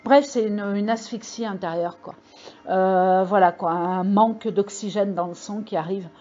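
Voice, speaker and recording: A woman's voice: mid-range voice, steady tone, a little slow, dark tone, dull audio. A woman hosting her own channel, talking casually to viewers into a microphone in a rambling way with lots of fillers and emphatic warnings. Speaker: video channel host. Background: computer mail alerts.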